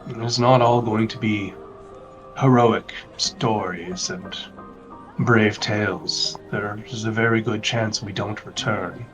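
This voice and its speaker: An earnest, warm-hearted male adventurer voiced by a man in a tabletop game speaks reflectively in a lowish voice. He sounds set back from the mic, with faint music behind. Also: steady tone, takes it slowly, recorded from a distance, poor audio. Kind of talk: tabletop role-play in character.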